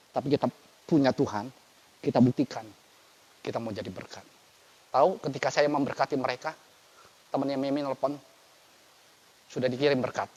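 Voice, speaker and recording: An older man, a pastor, preaching a sermon in a lively way with big swings in loudness. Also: mid-range voice, breathy edge. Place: church. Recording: dull, lo-fi church recording with long reverb.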